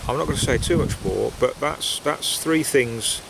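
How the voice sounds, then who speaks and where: Medium in pitch and moderate in pace, this man's voice carries vocal fry as he chats casually in the woods. He's a pipe-smoking vlogger whose reflective talk is hesitant and meandering. Wind noise and rustling leaves come through on basic equipment.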